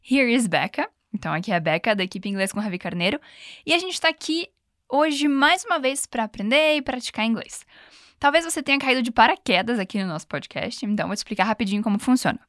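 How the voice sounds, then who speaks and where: A woman's voice: on the high side, animated, fairly bright tone, no room sound, studio quality. Woman hosting an upbeat language lesson. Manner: upbeat, playful, switches between Portuguese and slow English examples. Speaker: English teacher and podcast host.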